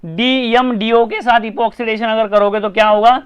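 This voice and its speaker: High-voiced Indian man teaching live. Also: steady tone, clean tone, muffled recording. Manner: brisk, repetitive, urging viewers to comment and share. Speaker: chemistry teacher. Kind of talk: live online class.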